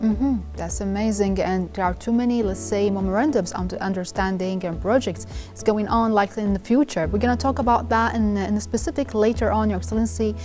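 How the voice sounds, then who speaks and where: A woman's voice: mid-range voice, fairly even intonation, a little fast, few pauses, a little mellow, soft background music. A woman hosting a formal television interview, speaking politely and deferentially to her guest. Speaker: television talk show host.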